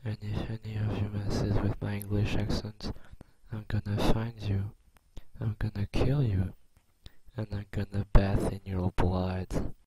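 Man doing a mock-menacing villain: deep, flat, half-whispered threats. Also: unhurried, a little hiss or hum, lightly acted, rough recording. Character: menacing low-voiced man making mock death threats.

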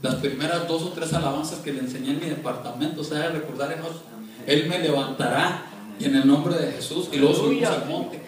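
A man's voice: on the high side, a little fast. Male pastor, impassioned sermon, heard from across an echoey church. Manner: impassioned preaching, addresses congregation directly. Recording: echoey church hall, far from mic.

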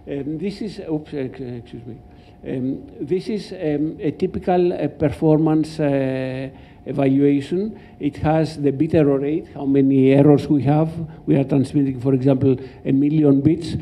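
An older Greek professor gives an academic lecture into a microphone in a lecture hall, speaking English with a Greek accent. His voice sits on the high side, and his delivery is halting and explanatory. The recording sounds dull and muffled.

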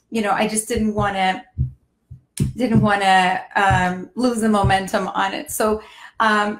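A woman's voice: mid-range voice, echoey room, low-quality recording. A woman with laryngitis hosting a live dating-advice stream, chatty and full of fillers and restarts. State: hoarse from laryngitis. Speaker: dating coach and show host. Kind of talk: live-stream talk to viewers.

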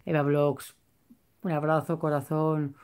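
A woman with a low, deep-set voice talks to her viewers in a loose livestream chat. She is openly theatrical and emotional, exaggerating freely as she reads their comments aloud. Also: flat delivery, unhurried, a little mellow, clear, resonant tone. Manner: theatrical, tearful, laughing and exaggerated. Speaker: vlogger reading live chat.

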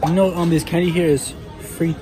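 A man's voice: a little high, level tone, fairly quick, over music. A young man talking casually to viewers in a slangy, laid-back way, filming himself on a phone held at arm's length, first in a car and then in a store. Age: young adult. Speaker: vlogger. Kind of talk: casual vlog chat. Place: car at night, then a big bright store. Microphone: handheld phone at arm's length.

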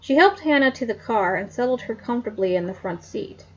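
A woman's voice: fairly high pitch, lively intonation, brisk, husky, highs cut off. A woman casually reading a mystery novel aloud, with small slips and restarts along the way. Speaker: reader.

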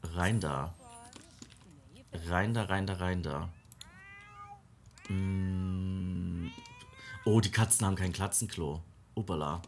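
Deep-voiced man chatting through a game. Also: takes it slowly, pauses often, a little mellow, slight background noise. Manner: chatty, talks to the game characters in a fond baby-talk way. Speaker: gaming let's-play creator. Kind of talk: casual let's-play commentary.

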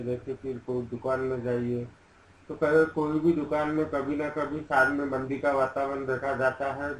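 Male voice-over narrator, chatty explainer, monotone delivery, echoey room. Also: mid-range voice, slight background noise. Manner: conversational, with fillers and restarts. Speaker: business video narrator.

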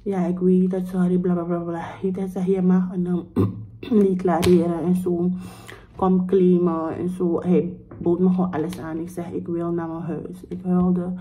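Young woman vlogger, lowish dark voice, animated storytime delivery, code-switches into English. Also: measured pace, rough recording. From Suriname. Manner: animated retelling, acts out both sides of the dialogue; mixes English phrases into Dutch. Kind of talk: casual storytime vlog.

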